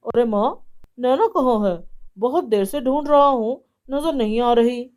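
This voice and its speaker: A woman's voice: a little high, measured pace, a little mellow, close to an everyday voice. A woman voicing a naive, devoted young husband and son in a storybook tale. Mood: worried.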